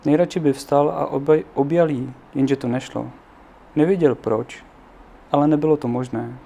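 A man reading a children's book aloud in an unhurried way, now and then adding offhand asides of his own. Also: fairly high pitch, steady tone, gravelly, mellow. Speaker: narrator.

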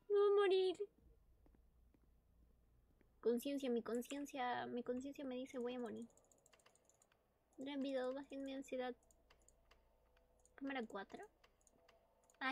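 A woman giving casual let's-play commentary on a horror game, chatty and easily startled, breaking into screams and nervous laughs. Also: sits high. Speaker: gamer playing a horror game.

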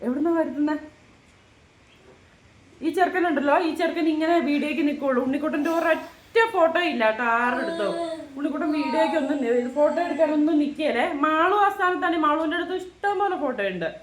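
Chatty high-voiced mother vlogging at home. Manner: chatty, doting, drawn-out teasing asides. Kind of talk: casual family vlog chat.

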